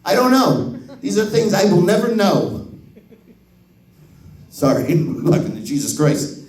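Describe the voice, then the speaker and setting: Slow and high-voiced, this comedian in his fifties performs profane, animated stand-up in a club, voicing the characters in his tales. He's far from the mic, and the room echoes.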